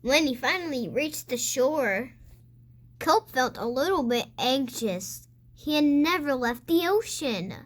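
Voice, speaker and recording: A child reading a picture book aloud for other kids, with expressive, emphatic storytelling. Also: high voice, slow pace. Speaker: host of a read-aloud channel.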